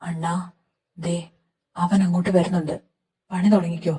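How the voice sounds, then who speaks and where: A scheming young man, voiced by a woman, plots his prank in a fan audio drama. The voice is fairly low with a dark, mellow tone. It sounds roomy and set back from the mic. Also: level tone, moderate pace, soft background music, close to an everyday voice. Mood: hushed. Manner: sly, conspiratorial. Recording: roomy, distant amateur recording.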